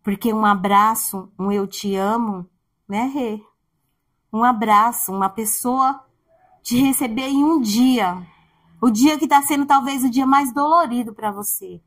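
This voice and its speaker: A woman preaching a heartfelt sermon in a conversational way, growing soft and quiet at tender points. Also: fairly high pitch, unhurried. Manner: heartfelt, conversational, speaks softly at tender moments. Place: church.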